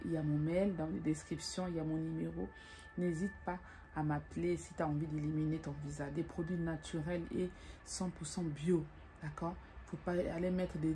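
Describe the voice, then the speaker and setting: A middle-aged woman talking casually to camera from her bed, giving advice to her viewers in a chatty, animated way, repeating little tag questions and calling the viewer darling. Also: fairly low pitch, slight background noise. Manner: animated, acts out greetings. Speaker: vlogger giving dating advice. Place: bedroom, lying in bed.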